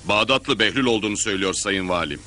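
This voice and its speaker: An actor playing a deferential but insistent innkeeper, speaking formally and pressing an accusation in a period drama. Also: male voice, on the low side, fast, sharp tone. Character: insistent, deferential male innkeeper accusing before his governor.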